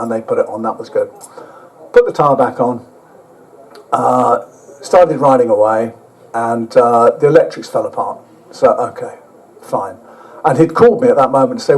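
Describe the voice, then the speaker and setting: A man's voice: medium pitch, darkish tone, low-quality recording. Rambling man telling stories. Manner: rambling, self-mocking, humorous, with frequent fillers and casual swearing. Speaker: speaker at an overland motorbike event. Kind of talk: anecdotal storytelling to a live audience.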